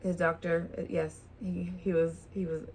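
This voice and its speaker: A woman's voice: fairly low pitch, level tone, moderate pace, darkish tone, slight background noise. A woman hosting a vlog, chatting casually while eating a meal at home. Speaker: vlog host. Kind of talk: casual chat over a meal.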